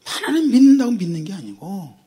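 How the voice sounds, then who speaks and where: A pastor preaching a sermon, repeating phrases and firing rhetorical questions, swinging from near-whispers to shouts. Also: medium pitch, very animated, brisk, slightly rough.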